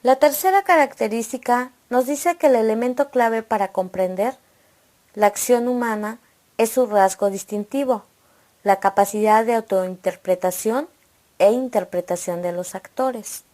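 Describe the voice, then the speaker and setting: A woman narrates a scripted lesson in a slightly high voice. She reads steadily and works through numbered points one after another. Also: a little slow. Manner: steady, read-aloud delivery listing points. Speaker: presenter of an educational video.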